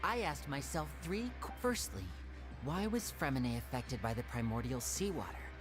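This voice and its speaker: Against game music, an actor voices a thoughtful young male stage magician from an anime game, a clever, composed brother protective of his own. The delivery is mid-range, expressive and normal-paced, lightly acted, articulate and analytical.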